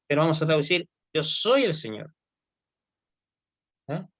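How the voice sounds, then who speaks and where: A man teaching Hebrew grammar in an online class. He speaks at an unhurried pace and keeps pausing to make sure his students are following. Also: a little high, sing-song, a bit bright. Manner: explains slowly, often checks with "¿ya?".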